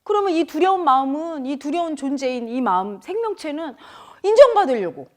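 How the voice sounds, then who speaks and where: A woman's voice: high voice, a little fast. A middle-aged woman giving a spiritual talk on the mind, speaking straight to her listeners and acting out inner voices. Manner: animated, addresses listeners directly, acts out inner voices. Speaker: meditation teacher.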